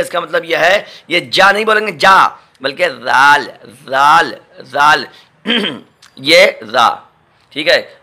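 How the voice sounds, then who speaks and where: A man teaching the letters of the Quran as an imam, slowly repeating each sound and often checking that the learner follows. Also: a little high, pushed and bright. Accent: Delhi Hindustani. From India. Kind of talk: patient step-by-step recorded lesson.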